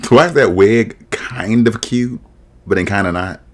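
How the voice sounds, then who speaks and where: On the low side and at a measured pace, a young man's voice carries a little hiss or hum. He's hosting casual reaction commentary from a small room via webcam and desk mic, making shady, sassy jokes and laughing a lot.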